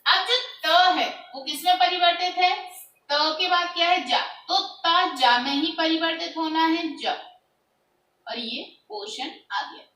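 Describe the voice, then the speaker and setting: A woman's voice: extremely high pitch, measured pace, pushed and bright, reverberant, recorded from a distance, low-quality recording. A woman teacher giving a grammar lesson, asking her students questions and answering them herself. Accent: Hindi.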